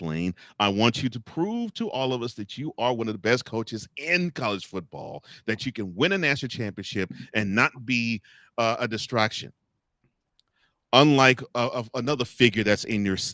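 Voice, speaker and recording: Male sports podcast host, teasing and animated, dry close recording. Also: medium pitch, no room sound. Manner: animated and teasing, many restarts, laughs often. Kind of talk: sports talk commentary.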